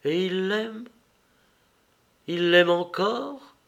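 A man's voice: a little high, slow pace, creaky. A man reading Acté, a fearful young Greek woman. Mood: pleading. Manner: pleading, tender reading. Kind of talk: audiobook reading.

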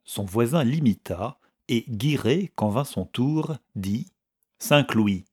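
A man reading a novel aloud as narrator, measured and steady. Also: medium pitch, husky.

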